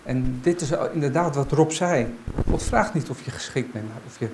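A man speaking at a church gathering, giving an informal Bible talk and reading aloud. His delivery is halting and unsure, as he searches for his words. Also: mid-range voice, background noise.

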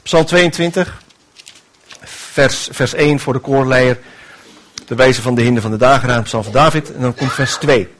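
A man preaching a sermon, emphatic and repetitive, swinging between hushed and raised delivery. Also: medium pitch, moderate pace, pauses often.

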